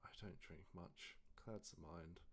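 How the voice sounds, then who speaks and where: A man voicing an aloof, bookish spellcaster who mutters his lines flatly. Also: low-pitched, measured pace, background noise. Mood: disdainful. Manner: flat, muttered.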